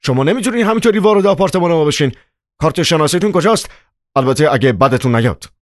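A frantic middle-aged building manager, as a male narrator plays him, yelling in a strained high voice far above a normal man's. The audiobook recording is dry and close. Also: expressive, dry recording, natural voice. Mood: panicked. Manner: frantic shouting.

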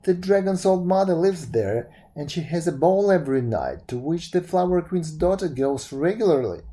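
A wise, ancient old man from a fairy tale, calmly explaining what he knows, voiced by the narrator. His voice is mellow and warm. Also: mid-range voice, moderate pace, lightly acted. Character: oldest of three old men, wise and knowing.

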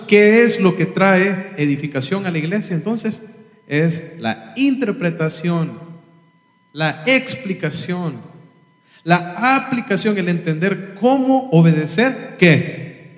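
A man preaching a sermon from the pulpit, emphatic and full of rhetorical questions. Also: fairly high pitch. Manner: emphatic, rhetorical questions, imitates instrument sounds. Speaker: pastor. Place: church sanctuary. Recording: echoey hall, reverb.

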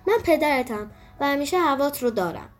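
A woman voicing a kind, patient father rabbit who talks in a gentle, reassuring way. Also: sits high, expressive.

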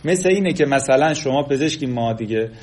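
A man giving a lecture, talking directly to the audience and acting out the things people say. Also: medium pitch. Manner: animated, acts out quoted speech.

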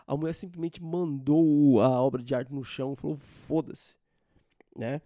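A man's voice: fairly high pitch, fairly quick, mellow, no room sound, dull audio. Young man ranting sarcastically on his podcast. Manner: informal, slangy, sarcastic ranting. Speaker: podcast host. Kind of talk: casual solo podcast rant.

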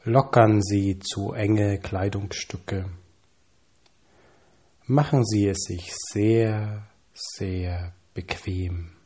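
A man calmly reading scripted guided relaxation instructions, with measured pauses and slow counting. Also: lowish voice, breathy edge.

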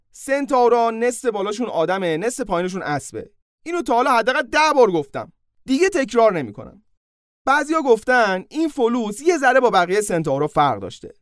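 Brief: high-pitched male host for comic storytelling, casual and joking, dry close mic. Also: no echo. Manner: casual, joking asides to listener.

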